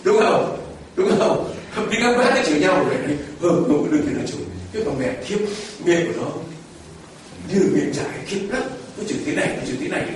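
A man's voice: sits high, big pitch swings, brisk, far from the mic, slight background noise. A man preaching a sermon to his congregation, quizzing listeners and mimicking people as he talks. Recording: echoey church picked up from afar.

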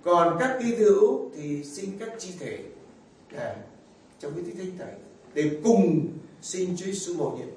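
A male priest delivers a homily in a high-pitched voice, questioning his listeners as he goes. His voice rings through a very reverberant church, picked up from some distance. A faint room ambience sits underneath. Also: expressive, measured pace, a little mellow, a little hiss or hum. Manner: asks the congregation rhetorical questions. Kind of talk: sermon. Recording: very echoey, far from the mic, faint ambience.

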